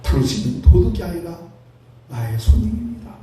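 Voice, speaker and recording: A male preacher voicing a lonely, gentle young woman who speaks calmly and earnestly in a story within his sermon. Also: on the high side, normal speed, soft background music. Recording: very echoey hall, heard from a distance.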